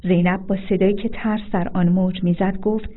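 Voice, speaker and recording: A woman reading a book aloud in steady, even narration. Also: mid-range voice. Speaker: audiobook reader. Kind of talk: scripted narration. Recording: phone-like narrow sound.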